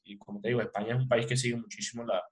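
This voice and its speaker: A man's voice: mid-range voice, level tone, rapid-fire. A man in his thirties with a Venezuelan accent, co-hosting a casual sports chat. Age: 30s. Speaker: talk show co-host.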